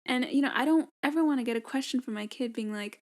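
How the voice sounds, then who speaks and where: A woman co-hosting a podcast in casual chat, talking quickly and laughing often. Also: high-pitched. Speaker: podcast co-host.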